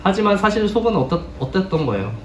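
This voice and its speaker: A man with a notably high voice preaches an earnest sermon, turning again and again to ask his congregation questions. He sounds set back from the microphone, and the church sanctuary lends his words a full, roomy echo. A faint hum of background noise sits under the recording. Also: big pitch swings, quick pace, distant mic.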